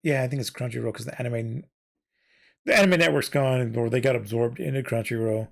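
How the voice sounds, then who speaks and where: A man's voice: medium pitch, brisk, vocal fry. A man hosting a casual solo podcast, rambling with many fillers and self-corrections while he is losing his voice. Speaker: podcast host and VTuber.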